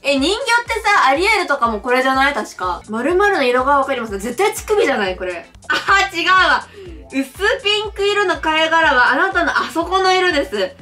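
A young woman from Japan chats through a mobile quiz game, reading each question aloud and answering with blunt, giggly reactions. Her voice sits high and swings widely in pitch. Faint music plays behind her. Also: sing-song, normal speed, sharp tone. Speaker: game streamer. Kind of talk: casual playthrough commentary.

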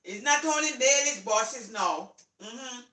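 A woman's voice: fairly high pitch, expressive, a little slow, sharp tone, roomy sound. An older woman with a Jamaican accent, chatting casually in her home kitchen as a cooking vlogger, slipping into patois and laughing often. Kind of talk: casual chat while cooking. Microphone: phone camera set on the counter.

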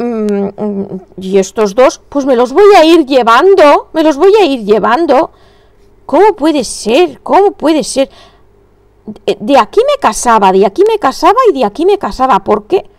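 A woman's voice: high-pitched, dry recording. A woman giving a casual crochet tutorial, chatting and thinking aloud as she counts stitches under her breath. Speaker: crochet instructor.

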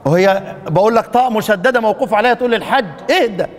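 A man's voice: high voice, rapid-fire, big-room sound. A man with an Upper Egyptian accent teaching Quran recitation in a casual classroom lecture, quizzing his students and joking with them. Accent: Upper Egyptian Arabic. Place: mosque lesson hall.

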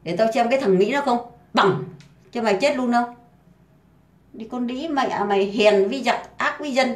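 A woman's voice: fairly high pitch, moderate pace. A woman delivering an angry, profane rant full of insults and hammering repetition. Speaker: housemaid ranting online. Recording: roomy echo.

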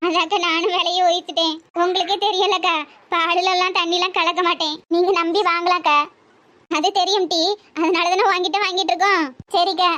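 A woman's voice: extremely high pitch, sharp tone. A woman with a Tirunelveli Tamil accent voicing several village women in a comic cartoon, scolding and wailing in local dialect. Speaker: voice actor doing all women in a cartoon.

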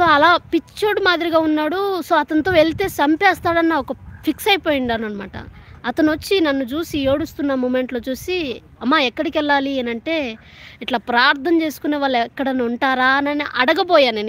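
A woman evangelist of about thirty tells her personal religious testimony. Her voice sits high, and she speaks with earnest feeling, often restarting her phrases as she recalls the story. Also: fairly bright tone. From Telangana, India.

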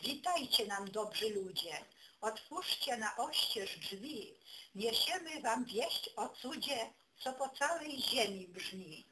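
A woman giving a folk poetry recital, declaiming rhymed festive verse in measured phrases with pauses between them. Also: fairly high pitch, expressive. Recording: clearly noisy amateur recording.

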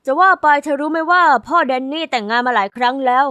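A meek, timid teenage boy, voiced by a woman speaks in a hushed, hesitant way. The voice stays high and bright, with a dry close sound. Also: lively intonation, quick pace, dry recording, dull audio. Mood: worried. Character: timid teen boy classmate, meek and gossipy.

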